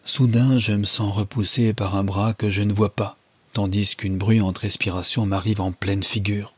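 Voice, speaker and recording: A man narrates a novel in measured, dramatic first person, building tension line by line. His voice sits low with a husky grain. The recording is dry, with no room sound around it. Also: little pitch movement, darkish tone, no echo. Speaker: audiobook reader.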